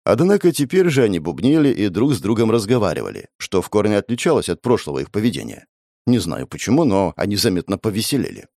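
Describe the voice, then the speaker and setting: A man's voice: lowish voice, very animated, fast talker, vocal fry, warm tone, no echo. A man narrating an audiobook in the first person, with a dry, grumbling, wry delivery.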